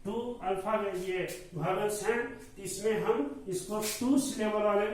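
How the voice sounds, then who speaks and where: High-voiced teacher in an echoey room. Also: male voice. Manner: slow, repetitive explaining. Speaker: school teacher. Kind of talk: classroom grammar lesson. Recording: echoey room, mic far off, faint noise.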